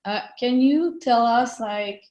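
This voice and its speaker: A woman's voice: on the high side, slow pace, a little mellow, highs cut off. A woman interviewer asking questions hesitantly, using many filler words.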